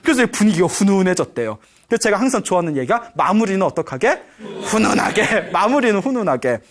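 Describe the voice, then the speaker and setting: A woman's voice: medium pitch, fast talker. A woman Buddhist teacher giving a humorous sermon, telling a story and often prompting her audience. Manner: lively, keeps prompting the audience, chuckles.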